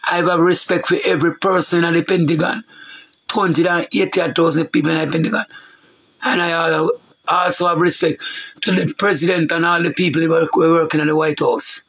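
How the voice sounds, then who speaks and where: A man's voice: fairly high pitch, fairly even intonation, fairly quick, fairly bright tone, breathy edge, rough recording. A middle-aged Jamaican man with a Jamaican accent, preaching in an emphatic, repetitive way in patois. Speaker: preacher on a talk show. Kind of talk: loose preaching monologue.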